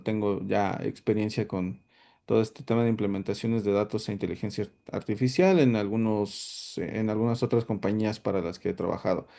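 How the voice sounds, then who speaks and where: This workshop host, a solutions architect, speaks in a lowish, creaky, mellow voice. His webinar presentation is hesitant and full of fillers and false starts.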